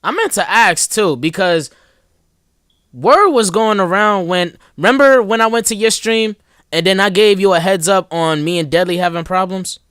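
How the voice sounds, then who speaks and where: Young guy hosting, blunt slangy talk, smooth clean voice, dry close sound. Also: high voice, animated, moderate pace, fairly bright tone, no room sound. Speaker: host. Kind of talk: casual podcast chat.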